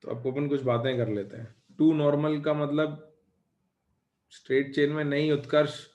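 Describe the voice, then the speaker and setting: A male chemistry teacher giving a live lecture, dictating questions slowly and chatting with his students. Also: on the high side, steady tone, darkish tone, reverberant, highs cut off.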